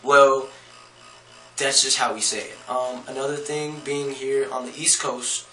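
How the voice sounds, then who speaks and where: Laid-back Californian man, bright roomy voice. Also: mid-range voice, little pitch movement, measured pace, a little hiss or hum. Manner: laid-back, slangy, many fillers. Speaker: vlogger. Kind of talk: casual accent-tag vlog. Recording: roomy echoey room.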